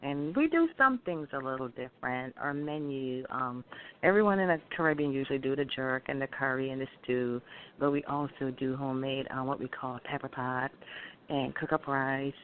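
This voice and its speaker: Speaking at normal speed in a mid-range voice, this middle-aged Guyanese restaurant owner chats warmly through an interview and describes dishes at length, using fillers. The line is tinny and phone-like with a faint hiss.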